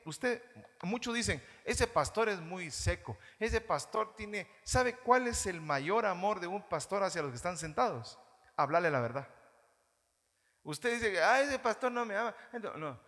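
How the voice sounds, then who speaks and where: A man with a Guatemalan Spanish accent preaching a sermon as pastor, animated, mimicking churchgoers in mocking voices. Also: a little high. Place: church hall. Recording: reverberant church hall.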